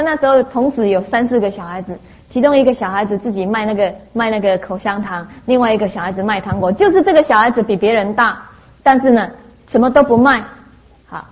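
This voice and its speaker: Woman preaching a Buddhist sermon, lo-fi. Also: a little high. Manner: lively anecdotal telling, frequent "ah" fillers. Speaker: Buddhist teacher.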